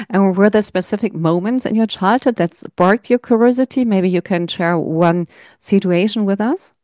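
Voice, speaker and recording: A woman interviewer asking questions in a warm, encouraging way and giving short affirmations. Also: mid-range voice, moderate pace, no room sound, clean studio sound. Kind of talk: conversational interview.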